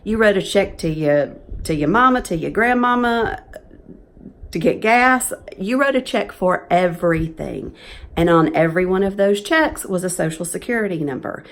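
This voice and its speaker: A woman in her fifties with a drawl talks straight to camera in a chatty, earnest way. Her voice sits a little low, and her talk stays casual and heartfelt. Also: expressive, normal speed. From Georgia, USA. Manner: earnest, chatty, emotional at times. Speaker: professional organizer vlogger.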